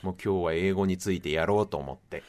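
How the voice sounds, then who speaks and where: A man's voice: sits low, fast, darkish tone. A man giving a chatty, explanatory music segment on the radio, with frequent asides. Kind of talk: casual radio talk.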